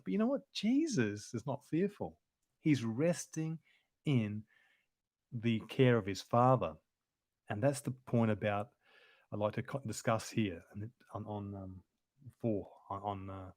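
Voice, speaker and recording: A man's voice: mid-range voice, a little mellow, no echo. A man presenting a Bible study lesson in an informal, explanatory way, thinking aloud as he goes. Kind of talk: conversational Bible study teaching.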